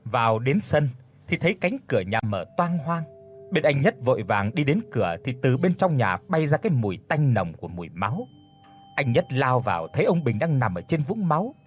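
Nam giọng đọc truyện ma, lên xuống giọng rất sinh động, kể đầy kịch tính, nhạc nền nhẹ. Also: male voice, medium pitch, normal speed, soft background music. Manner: dramatic, expressive storytelling. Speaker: narrator. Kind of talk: audiobook horror narration.

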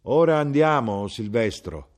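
Man putting on a brisk village mother. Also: medium pitch, sing-song, a little mellow, voice pushed up. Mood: firm, brisk. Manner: slow, emphatic, raised tone. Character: brisk village nurse mother, middle-aged woman.

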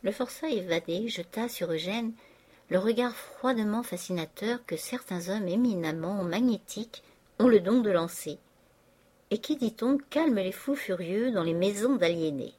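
A woman narrating a classic novel as an audiobook in a measured, expressive way. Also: mid-range voice. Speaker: audiobook reader.

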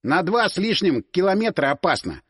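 A man's voice: high voice, big pitch swings, moderate pace, a bit bright, breathy edge, dry recording, studio quality, exaggerated voice. A man voicing a laid-back young man who lectures and teases, in an audiobook. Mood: lecturing.

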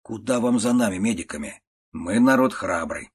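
A man voicing a boastful, talkative doctor in an audiobook reading, in a low husky voice. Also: lively intonation, normal speed. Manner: boastful, chattering.

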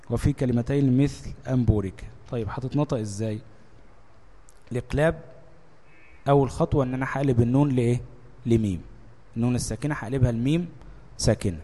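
A man's voice: medium pitch, dark tone. Egyptian man teaching tajweed, echoey hall. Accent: Egyptian Arabic. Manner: explains step by step, asks and answers his own questions; switches between formal Arabic and Egyptian dialect. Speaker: Quran recitation teacher. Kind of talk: religious lesson on tajweed.

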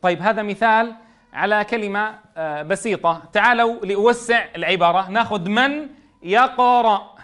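A middle-aged man teaching a classroom phonics lesson. He spells syllables aloud in a slow sing-song and explains quickly in between. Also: high voice, fairly bright tone. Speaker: Quran reading teacher.

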